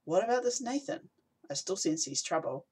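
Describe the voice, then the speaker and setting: Brief: man playing a blunt, forthright woman, voice lifted a touch higher, audiobook. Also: very animated, moderate pace, slightly rough, exaggerated voice. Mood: suspicious. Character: blunt, suspicious woman from a supply cell.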